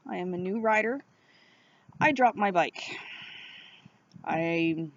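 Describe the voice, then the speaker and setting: A woman's voice: mid-range voice, no room sound. Woman vlogging, dull lo-fi sound. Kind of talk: casual vlog monologue. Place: outdoors on a windy day. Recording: dull, lo-fi outdoor recording.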